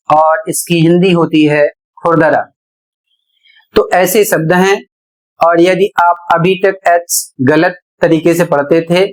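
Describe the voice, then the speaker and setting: A man teaching a spoken lesson, explaining pronunciation rules in a deliberate way and spelling words out letter by letter. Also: fairly high pitch, low-quality recording. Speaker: English teacher.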